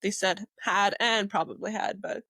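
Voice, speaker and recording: A woman working as an EMT, telling stories as a podcast guest in a lively way, acting out what people said and laughing often. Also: medium pitch, normal speed, no room sound. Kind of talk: casual storytelling in a podcast interview.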